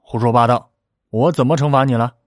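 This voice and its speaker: A man voicing a powerful, calculating minister in a spoken story, stern and measured. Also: mid-range voice, a little mellow, no echo, clean studio sound, lightly acted.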